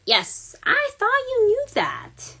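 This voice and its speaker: A Serbian woman with a Serbian accent hosts a card-making livestream, chatting casually to viewers, greeting them by name and using many fillers. Her voice is extremely high, pushed and bright, with huge pitch swings, and she takes it slowly. The sound comes from a phone or camera on the livestream.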